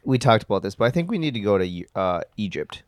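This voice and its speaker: A man's voice: lowish voice, sing-song, fast, background noise. A man co-hosting a podcast in casual chat, full of joking, needling banter. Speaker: podcast co-host.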